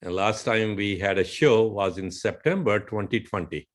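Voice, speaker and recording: A man with an Indian English accent, a physician guest, explaining at a measured pace and citing figures. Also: fairly low pitch.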